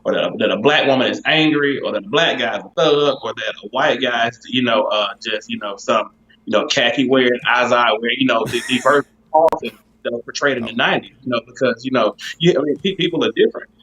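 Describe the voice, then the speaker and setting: A podcast host from the west side of Birmingham, Alabama, tells stories quickly in a mid-range voice during a casual talk-show chat. He's an animated storyteller who acts out quoted voices, and the recording has a dull lo-fi sound.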